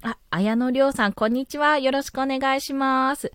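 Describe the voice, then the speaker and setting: A woman's voice: high-pitched, normal speed, fairly bright tone, clean tone, no room sound, studio quality. A young woman hosting a casual live stream, chatty and laughing often, talking into a handheld mic. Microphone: handheld mic, moved around.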